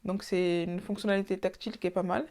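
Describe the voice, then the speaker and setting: A woman talks through a casual gadget review, her voice mellow and soft-edged. She works things out aloud as she goes, often breaking off and restarting her sentences. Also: on the low side, fairly even intonation, fast. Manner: hesitant, thinking aloud with many restarts. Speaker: tech reviewer.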